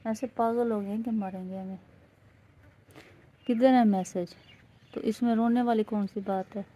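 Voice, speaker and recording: Worried, questioning woman with a warm voice. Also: a little high, fairly even intonation. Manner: worried, questioning, repeats herself. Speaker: vlogger's wife. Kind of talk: casual home vlog.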